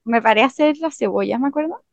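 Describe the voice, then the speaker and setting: A young Chilean woman in a relaxed chat, her voice a little high, quick to tease and push back on her friends. The sound is close and dry. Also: vocal fry, dry recording. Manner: teasing, contradicting friends. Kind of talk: casual chat.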